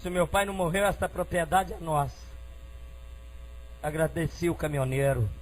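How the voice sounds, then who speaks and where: A middle-aged Brazilian man preaching his testimony, moving between quiet storytelling and shouted praise. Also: a little high, moderate pace, a little hiss or hum, poor audio. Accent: Brazilian Portuguese.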